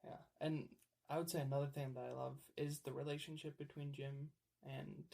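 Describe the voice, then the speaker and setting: Gravelly young male co-host. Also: a little high, little pitch movement, moderate pace, warm tone. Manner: easygoing, frequent short agreements. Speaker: podcast co-host. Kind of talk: casual podcast chat.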